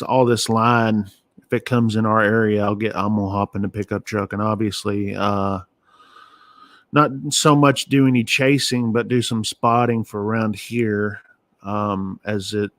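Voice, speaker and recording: A man giving casual live weather radar commentary as an amateur streamer, thinking aloud in short, halting phrases. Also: fairly low pitch, fairly bright tone, no room sound. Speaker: amateur storm-watching livestream host.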